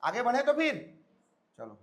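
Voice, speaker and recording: A hoarse man teaching a grammar lesson to a class, often stopping to check whether students have understood. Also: very high-pitched, wildly swooping pitch, unhurried, fairly bright tone. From India. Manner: repeats check-in questions to students.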